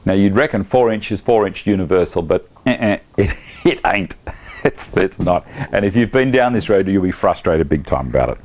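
A man's voice: low voice, moderate pace. A man in his fifties with an Australian accent, chatting casually as he demonstrates a woodworking job in his home workshop on a lapel mic. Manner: chatty, relaxed, with laughs and Aussie slang. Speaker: woodworking channel host.

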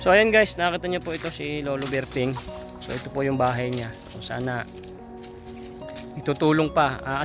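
A man from the Philippines vlogging outdoors on a mountain, talking haltingly with many fillers and coaxing an old man. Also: medium pitch. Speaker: charity vlogger. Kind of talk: casual vlog talk to camera and an old man. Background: guitar music.

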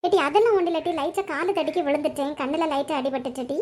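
A voice actor voicing a hurt, tired village mother in a cartoon, talking softly to her children. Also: very high-pitched, fairly even intonation, fast. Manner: soft, tired, reassuring. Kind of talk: cartoon voice acting.

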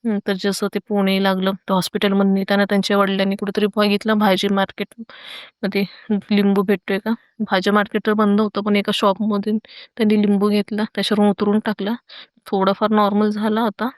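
Brief: woman telling a true horror experience, even flat delivery, dry close sound. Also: mid-range voice, a little fast, no echo. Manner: earnest, hesitant with fillers. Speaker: storyteller sharing her own experience. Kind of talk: first-person horror account.

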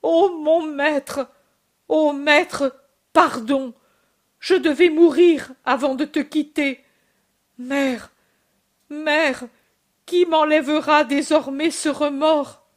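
Woman reads weeping young male disciple, pleading, broken by sobs, raised and loud, slow delivery. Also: sits high, fairly even intonation. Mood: anguished.

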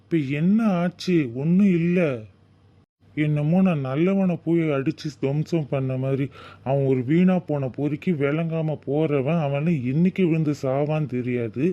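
A man's voice: a little high, a little slow, close to an everyday voice. A man voicing a blunt, protective young husband and big brother in a cartoon, talking in a scolding, tough way. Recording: dull lo-fi recording.

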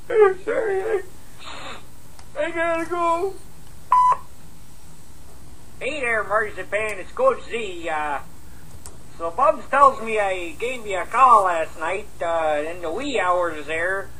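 A sentimental, goofy cartoon coach leaving a rambling voicemail. His voice is high and sharp for a man, with folksy, halting, repetitive phrasing. Clear noise runs through the answering machine recording. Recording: noisy answering machine message.

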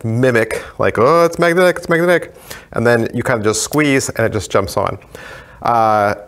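Low-voiced man teaching a magic trick. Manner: relaxed, conversational, demonstrating with hands. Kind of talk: casual how-to tutorial.

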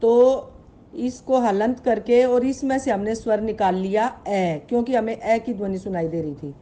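A woman's voice: a little high, moderate pace, warm tone, slight background noise. A woman teaching Sanskrit in an online grammar lesson. She patiently spells out sounds, asks her pupils questions and calls them beta. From Haryana, India.

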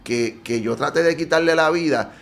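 A guest with a Puerto Rican accent earnestly shares his personal testimony in an interview, often checking in with tag questions. His voice is fairly high, creaky, and fairly bright, at a moderate pace.

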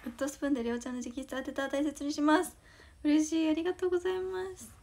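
High-voiced bashful teen girl, Kansai accent. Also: flat delivery, racing, a little mellow. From Osaka, Japan. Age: teens. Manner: bashful, giggly, thanking fans often. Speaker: idol livestream host. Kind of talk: casual livestream chat reading fan comments.

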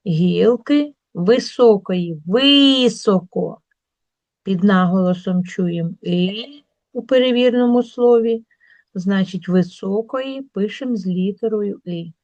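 A woman teacher working through a school workbook, drawing words out slowly to show where the stress falls. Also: mid-range voice, mellow, dry recording, highs cut off. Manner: slow, drawn-out word demonstrations.

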